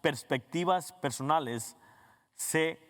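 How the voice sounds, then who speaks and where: Male pastor, higher-pitched voice, preaching; slow scripture reading, loose explanations full of restarts. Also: a bit bright. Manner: reads scripture slowly, then preaches with frequent restarts and self-corrections. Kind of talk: sermon.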